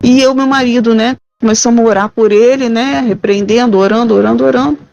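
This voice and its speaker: A woman's voice: a little high, fairly even intonation, a little fast, vocal fry, darkish tone, no room sound, muffled recording. A middle-aged Brazilian woman with a Brazilian Portuguese accent recounting a haunting experience in the first person, hesitant and searching for words. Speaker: caller sharing a haunting account. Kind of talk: first-person ghost story telling.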